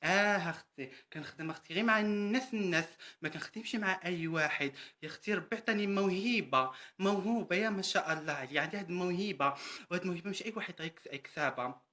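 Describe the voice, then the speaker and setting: A boastful, self-important Moroccan housemaid woman, played by a man rattles on at a breakneck pace in a comedy sketch. The voice sits fairly high and bright, with a Moroccan Arabic accent, and she keeps calling the listener sister. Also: rapid-fire. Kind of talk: comedy character monologue.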